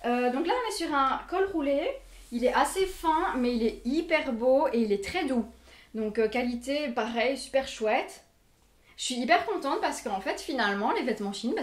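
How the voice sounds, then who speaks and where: A woman's voice: on the high side, expressive, fairly quick. A young woman with a Belgian French accent chatting casually and self-mockingly through a clothing try-on, laughing often. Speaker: fashion vlogger. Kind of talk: casual try-on haul chat. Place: bedroom with mirror. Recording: echoey room, mic at a distance.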